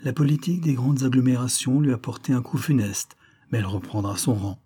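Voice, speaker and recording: A man reading a classic adventure novel aloud in a measured, expressive way. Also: medium pitch, husky. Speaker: audiobook reader. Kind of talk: audiobook narration of a classic novel.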